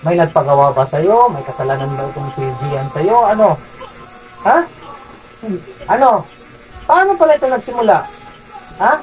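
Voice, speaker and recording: A faith healer from Zamboanga City, a man who interrogates a spirit with insistent, repeated questions and sharp commands. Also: sits high, animated, moderate pace, pauses often, soft background music, low-quality recording. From Zamboanga City, Philippines. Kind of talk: healing session, interrogating a spirit.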